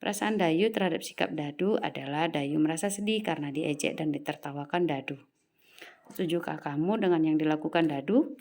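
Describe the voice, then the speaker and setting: A woman's voice: low-pitched, a little fast, darkish tone. A woman teacher giving a recorded lesson to young pupils, reading out numbered lists and talking to them patiently. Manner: patient, addresses pupils as "Nak", reads lists aloud.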